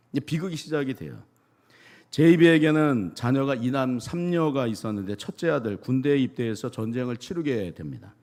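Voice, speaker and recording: A male pastor preaches a sermon in a storytelling way. His voice sits in an ordinary middle register. His pitch rises and falls in a lively, animated way as he retells the story.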